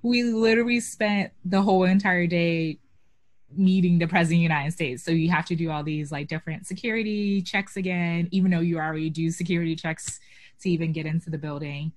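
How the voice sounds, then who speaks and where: A woman's voice: fairly low pitch, fairly even intonation, fairly quick, no room sound. A young woman from Boston, a guest on a video call interview, talking casually with lots of "um" and "like". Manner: chatty, many fillers like "um" and "like". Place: small room at home. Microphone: video call webcam.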